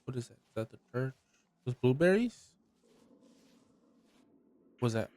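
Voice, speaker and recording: A man's voice: mid-range voice, very animated, a little slow, a little mellow, no room sound. A man giving let's play commentary on a game, reacting with startled exclamations and chuckles. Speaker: gamer.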